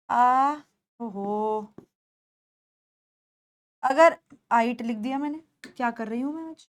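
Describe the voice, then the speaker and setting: A woman teaches an English lesson in an unhurried way. Her voice sits high, and she repeats each word for her students to copy. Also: fairly bright tone. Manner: explains slowly, repeats words for pronunciation. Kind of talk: spoken English lesson in Hindi.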